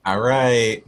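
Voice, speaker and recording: Playful man hosting a group call. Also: mid-range voice. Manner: laughs often, playful. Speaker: host. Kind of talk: casual group chat.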